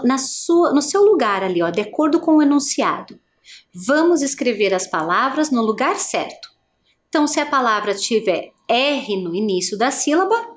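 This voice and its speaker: Lively high-voiced woman teaching patiently. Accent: Brazilian Portuguese. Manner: slow, patient, syllable-by-syllable explanation; addresses the learner directly with encouraging questions. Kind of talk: adult education video lesson.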